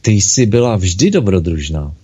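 Give me a patient, smiling God from a storybook tale, as a man reads him, calm and gentle. The voice is dark and husky. The recording sounds dull and lo-fi. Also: low voice, heavily acted. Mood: explaining.

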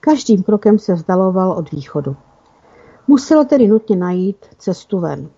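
Woman narrator, storybook reading, mellow warm voice, husky, dull lo-fi recording. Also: mid-range voice, sing-song.

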